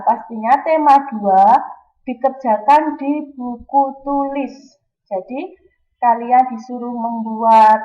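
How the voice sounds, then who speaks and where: A high-pitched woman teaching young pupils. She speaks patiently, posing questions and answering them herself. The recording sounds roomy and a little muffled. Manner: patient, addresses pupils directly, asks then answers questions. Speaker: primary school teacher. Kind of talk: recorded classroom lesson. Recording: echoey room, slightly dull sound.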